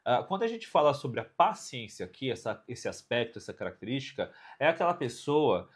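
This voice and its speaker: Male Brazilian podcast co-host, lisping and tongue-tied, mid-pitched, informal halting Bible teacher. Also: sing-song, husky. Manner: explanatory, halting, often seeking agreement.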